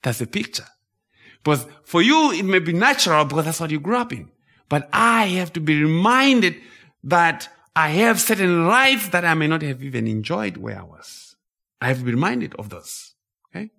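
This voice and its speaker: A man's voice: on the high side, sing-song, moderate pace, vocal fry, pushed and bright. A man from Zimbabwe preaching a sermon, stressing and repeating key phrases.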